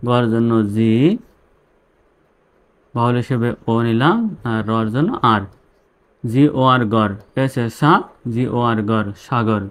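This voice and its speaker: Male teacher, mid-pitched voice, patient and methodical, spells each word out letter by letter. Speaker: English teacher. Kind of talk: spelling lesson.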